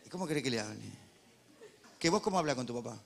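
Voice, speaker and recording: A man with a Rioplatense Argentine accent preaching a sermon as pastor, joking, animated, and swinging from loud preaching to quiet asides. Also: mid-range voice, fast talker, gravelly, a little hiss or hum. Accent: Rioplatense Spanish.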